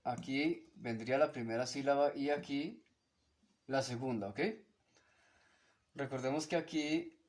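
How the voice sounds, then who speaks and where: A man with a Colombian accent giving a slow explanatory lesson, hesitant, correcting himself and checking in with the listener after almost every point. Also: medium pitch, darkish tone. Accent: Colombian Spanish. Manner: hesitant, with many fillers and self-corrections, checks in with "ok?". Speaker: teacher of an invented language.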